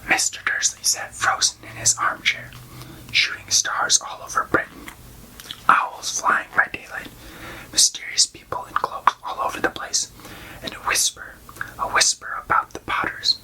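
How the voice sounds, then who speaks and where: Whispered role-play storybook reading, hushed library whisper. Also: rough recording. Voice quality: unvoiced, breathy library whisper. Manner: hushed, unhurried narration. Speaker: storybook reader.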